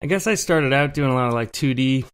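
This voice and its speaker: A man in his thirties chats as a podcast guest. He rambles through his story in a relaxed, easygoing way and laughs often. His pitch sits in a middle range for a man. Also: fast, smooth. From Canada. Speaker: guest artist. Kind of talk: casual interview chat.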